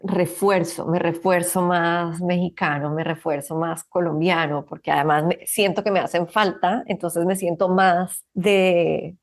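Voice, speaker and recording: A woman with a gravelly, fairly low voice hosts a podcast interview. She asks questions and answers the guest with attentive, encouraging replies. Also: fairly even intonation, unhurried, hardly any pauses. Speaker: podcast host. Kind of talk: interview conversation.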